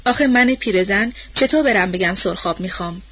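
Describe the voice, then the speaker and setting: A woman's voice: medium pitch, fairly bright tone, husky. Woman voicing a scolding old nanny. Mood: pleading. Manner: colloquial, nagging and protective. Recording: dull lo-fi recording.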